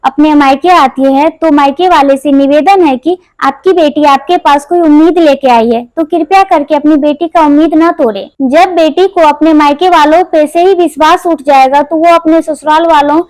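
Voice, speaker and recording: A woman's voice: sits high, normal speed, few pauses, darkish tone, no room sound. Sincere woman signing off her video. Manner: sincere, appealing. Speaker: channel host. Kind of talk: video outro address to viewers.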